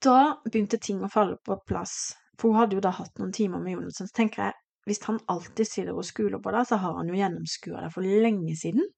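A middle-aged woman from Norway telling a personal story on her podcast, animated and emotional, acting out the lines of the people in it. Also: mid-range voice, vocal fry, slightly rough. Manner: emotional, animated retelling with quoted dialogue. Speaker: podcast host.

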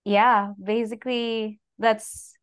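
A woman's voice: a little high, slow pace, clear, resonant tone. Young woman from the Philippines, chatty. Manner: relaxed, lots of "like" fillers, laughs between phrases. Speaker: guest. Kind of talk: casual interview talk.

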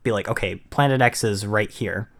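A man's voice: fairly low pitch, normal speed, a bit bright. A man from Maine co-hosting a podcast, explaining in casual chat with frequent ums and restarts. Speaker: podcast co-host.

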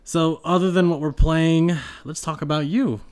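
A woman with an unusually low voice hosts a relaxed podcast. She laughs readily and keeps the conversation moving with one question after another. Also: normal speed. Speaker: podcast host. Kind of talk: casual podcast chat.

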